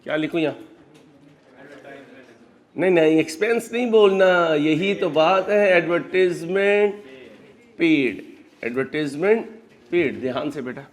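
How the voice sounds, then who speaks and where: A man with a Pakistani Urdu accent giving an animated accounting lecture, calling students "beta" and acting out their objections. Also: a little high, measured pace, long pauses. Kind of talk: classroom lecture.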